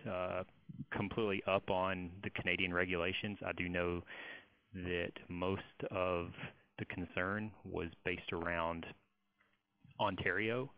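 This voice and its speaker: A man answering as a panelist on a webinar, hesitant with frequent fillers. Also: deep voice. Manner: hesitant, heavy use of uh. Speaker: webinar panelist, seed industry. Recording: dull dry remote line.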